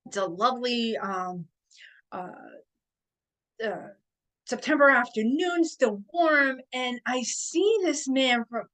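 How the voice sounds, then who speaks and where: A woman chatting as a podcast guest, telling stories in a hesitant way with frequent pauses and fillers. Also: fairly high pitch, fairly bright tone, low-quality recording. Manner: hesitant, with many fillers and restarts. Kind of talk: casual interview chat.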